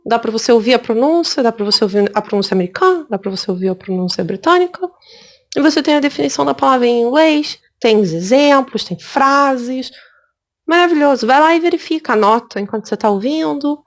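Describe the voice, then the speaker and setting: A woman from Brazil teaching an English exam prep lesson, lively and repeating words for emphasis. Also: fairly high pitch. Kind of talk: spoken lesson.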